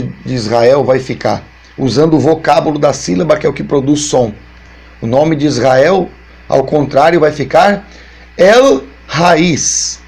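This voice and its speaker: A man's voice: a little high, darkish tone, slightly rough. A man with a Brazilian Portuguese accent, a pastor giving a Bible teaching lesson, explaining step by step and repeating his points. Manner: explains slowly and repeats points, many fillers.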